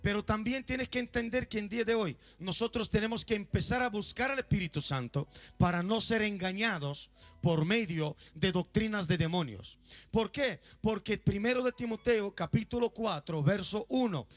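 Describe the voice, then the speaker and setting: A man's voice: high voice, normal speed, faint music behind. A male pastor preaching a sermon in a church, emphatic and often putting questions to the congregation.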